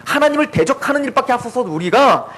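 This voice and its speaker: Guy preaching in church, really high voice, gets animated and acts out little bits of dialogue. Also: quick pace, slight background noise, low-quality recording. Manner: animated, acts out quoted voices of God and Moses. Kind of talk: sermon.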